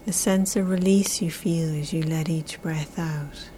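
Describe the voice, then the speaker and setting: A woman leads a guided relaxation in a soft spa-like half-whisper. Her voice sits fairly low and soothing, with drawn-out, repeated phrases. A light layer of ambient noise runs behind her. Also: fairly even intonation. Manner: slow, drawn-out phrasing with repetition.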